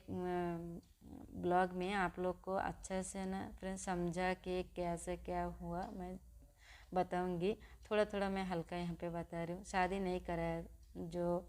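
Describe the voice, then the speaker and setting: A young woman speaking to her vlog viewers, her voice sitting low and staying level. She tells a personal story haltingly, stopping and restarting often. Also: a little mellow. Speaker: vlogger.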